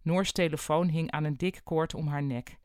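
A narrator reading a storybook in a wry, even audiobook style. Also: mid-range voice, normal speed, clear, resonant tone, dry recording, studio quality.

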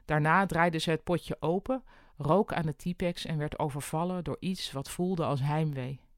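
A narrator reading a storybook in a wry, even audiobook style. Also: medium pitch, normal speed, no echo, studio quality.

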